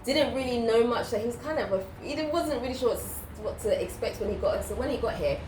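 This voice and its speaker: A woman's voice: a little high, lively intonation, quick pace, a little mellow. A woman in her thirties with a British accent, chatting candidly as an interview guest and acting out what others said. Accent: British English. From United Kingdom. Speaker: guest, YouTuber. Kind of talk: casual interview chat. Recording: roomy with clear background noise.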